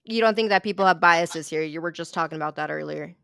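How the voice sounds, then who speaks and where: Blunt woman with a smooth voice. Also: low-pitched, fast talker, bright, forceful tone, no echo, clean studio sound. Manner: blunt, confrontational, swears often. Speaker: voice chat participant. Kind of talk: casual chat.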